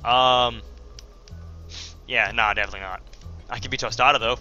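A man's voice: mid-range voice, fairly even intonation, normal speed, pushed and bright, lo-fi sound, soft background music. A man giving casual, rambling commentary while playing a video game, full of fillers and self-deprecating asides. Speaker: let's play host.

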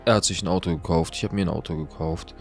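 A young man telling a story in a casual, slangy monologue, swinging between loud outbursts and hushed asides. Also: sits low, steady tone, fast, vocal fry, soft background music.

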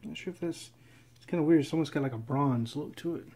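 A man casually narrating as he opens packs of trading cards, reading off names in a steady, relaxed list. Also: on the high side, quick pace, breathy edge. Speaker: card collector opening packs. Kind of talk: casual running commentary. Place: indoors at a table.

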